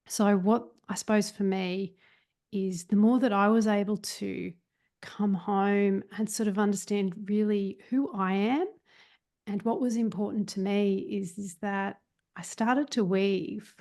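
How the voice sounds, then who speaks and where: A woman's voice: medium pitch, vocal fry, dark tone. A woman guest on a podcast, talking reflectively and searching for her words, with many fillers and restarts. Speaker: guest, meditation teacher.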